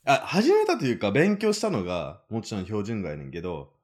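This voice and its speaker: A young British man, a native English speaker, joins a podcast as the guest. He talks in a playful, lively way, his pitch leaping up and down. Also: a little fast. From Britain. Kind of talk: casual chat.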